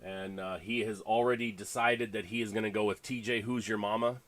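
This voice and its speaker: Male league host, congested, low-pitched, loose rambling livestream chat with fillers. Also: fairly even intonation, brisk, fairly bright tone, no echo. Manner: rambling, full of fillers and restarts.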